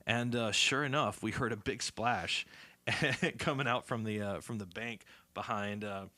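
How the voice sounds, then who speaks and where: A man's voice: fairly low pitch, a little slow, bright, forceful tone, no echo. A male musician from the southern United States, telling rambling stories with lots of fillers. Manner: rambling, many fillers, acts out voices. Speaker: musician guest. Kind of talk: casual storytelling.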